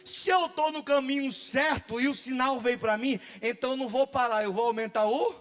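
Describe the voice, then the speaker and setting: A man with a Brazilian Portuguese accent preaching a fervent pentecostal sermon at a church service, often shouting and chanting phrases. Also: extremely high pitch, steady tone, a little fast. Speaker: pastor.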